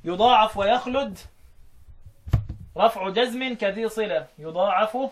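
A man with an Egyptian Arabic accent and a high-pitched voice instructs students in Quran recitation, chanting verses slowly and then explaining them quickly as he quizzes them. A little hiss or hum can be heard in the recording.

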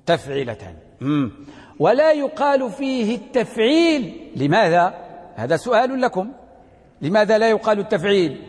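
A man teaching a lecture on Quranic readings as a sheikh, asking the class questions, answering them himself and slowly repeating key words. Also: sits high, darkish tone. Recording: long hall reverb.

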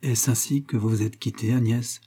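Brief: gentle old maiden aunt in a storybook reading, soft and motherly, dark husky tone, played by a man. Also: medium pitch, fairly even intonation, normal speed, close to an everyday voice.

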